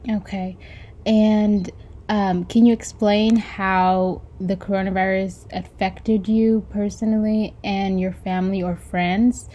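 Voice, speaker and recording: A woman's voice: medium pitch, little pitch movement, mellow. Woman asking careful interview questions, mid voice, lots of ums. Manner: polite, measured questions with fillers. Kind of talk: oral history interview.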